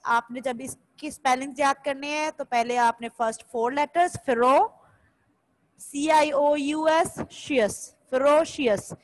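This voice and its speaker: High-voiced woman teaching an English lesson. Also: unhurried, hardly any pauses, low-quality recording. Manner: explains step by step, often checks with "theek hai?"; switches between Hindi and English. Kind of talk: recorded classroom lesson.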